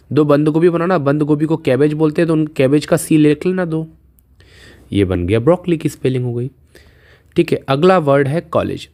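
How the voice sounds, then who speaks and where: A man teaching English spelling in a casual video lesson, patiently repeating each question and answer and slowing down to spell words out letter by letter. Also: on the high side, a little mellow. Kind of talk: casual Hindi video lesson with memory tricks.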